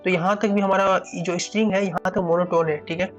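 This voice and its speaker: A man's voice: high voice, steady tone, fast talker, faint music behind. A man teaching a coding problem step by step, thinking aloud, often repeating "ठीक है" and restarting phrases. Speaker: coding tutor.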